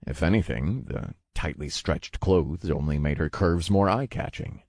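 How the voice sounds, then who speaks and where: Male audiobook narrator, very deep and husky, slow and measured, dry booth sound. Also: animated, a little mellow, no room sound. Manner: measured, wry storytelling.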